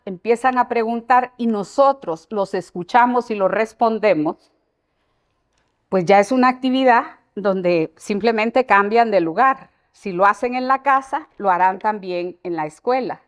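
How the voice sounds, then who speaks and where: An older woman, an educator giving an informal talk to parents and explaining with everyday examples. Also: on the high side.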